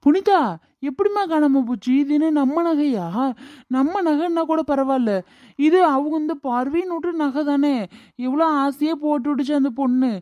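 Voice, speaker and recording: A woman's voice: high voice, normal speed, no echo, muffled recording, natural voice. A woman voicing a stern middle-aged village father in a cartoon drama, questioning and scolding his family.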